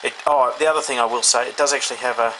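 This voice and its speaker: An Australian man who reviews radios as a hobby rattles through an unscripted product review indoors, very fast, casual and hesitant as he thinks aloud. His mid-range voice stays steady in tone and sounds pushed and bright. The audio is poor, with clear background noise from a room at home.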